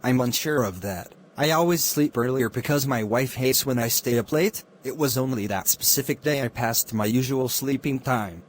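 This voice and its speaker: A man's voice: medium pitch, normal speed, hardly any pauses, a little hiss or hum, natural voice. A man playing an ordinary, unsure neighbour giving a witness statement in a murder mystery film. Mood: hesitant.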